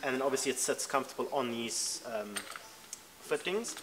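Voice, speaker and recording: A man's voice: mid-range voice, lively intonation, moderate pace, a crowd in the background. A young South African man casually explaining products as shop staff. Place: warehouse indoors, off-camera mic.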